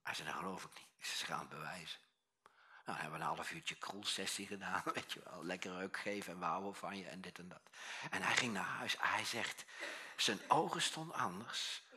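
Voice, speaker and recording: Animated, husky-voiced pastor preaching. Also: male voice, sits low, brisk. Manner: animated storytelling, acts out voices, swings from hushed to shouting. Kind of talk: sermon.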